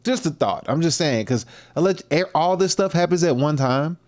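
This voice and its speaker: A man with a slightly high, expressive, somewhat mellow voice hosts a livestream, reacting to a video at a moderate pace. His casual, rambling commentary is loose and speculative, full of fillers, restarts and slang.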